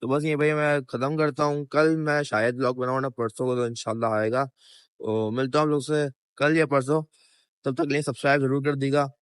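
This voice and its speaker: A man's voice: medium pitch, little pitch movement, brisk, smooth, no room sound. Chatty young Pakistani man vlogging. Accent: Pakistani Urdu. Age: young adult. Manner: chatty, keeps asking "right?" and calling viewers "bhai". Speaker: travel vlogger. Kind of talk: casual travel vlog. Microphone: handheld phone.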